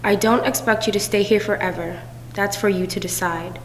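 A young woman reading her poem from the page, soft and earnest. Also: medium pitch, steady tone, moderate pace, slight background noise. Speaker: poet. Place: community room, indoors. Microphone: stand mic. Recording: echoey room with long reverb.

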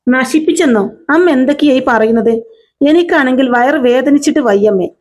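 A woman voicing a sharp-tongued young wife in a retold family drama, reading the lines plainly. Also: sits high, fairly quick. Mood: defensive.

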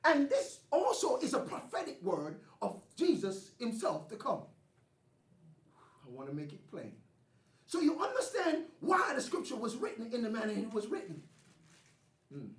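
A woman preaching a sermon in call-and-response style, rising into shouts and pulling the congregation in with questions. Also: on the high side, huge pitch swings, normal speed. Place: church sanctuary. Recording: echoey live church stream, distant mic.

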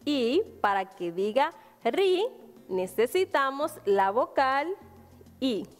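Slow, patient Dominican teacher woman. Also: high-pitched, sing-song, long reverb tail, faint music behind. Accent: Dominican Spanish. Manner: patient, spells out syllables, asks and answers her own questions. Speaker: primary school teacher. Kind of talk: slow virtual class for young children.

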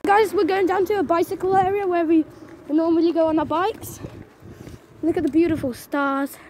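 High-voiced girl rambling on a night walk. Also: steady tone, normal speed, darkish tone, slight background noise. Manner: chatty, rambling with restarts. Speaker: vlogger. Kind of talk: casual vlog. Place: outdoor street at night. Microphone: handheld phone camera.

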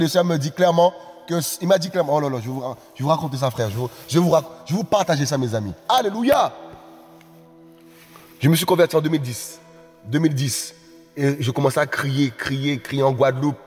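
A man preaching a live-streamed sermon, exclaiming and repeating phrases, often rising into shouted appeals. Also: on the high side, brisk. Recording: reverberant room with faint music.

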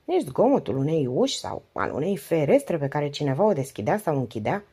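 A woman's voice: sits low, big pitch swings, dark tone, breathy edge, heavily acted. A woman reading the part of a patient male police commissioner who asks short, pointed questions. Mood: probing.

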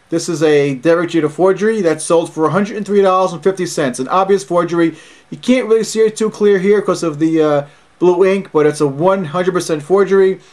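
A middle-aged man giving casual video commentary as an autograph collector, blunt and indignant, reading long item numbers out slowly. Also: high-pitched, a little mellow.

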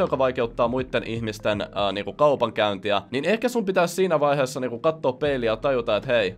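Young guy doing reaction commentary, swears a lot, mocks everything, mid pitch. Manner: profane, mocking and sarcastic. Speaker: reaction video host.

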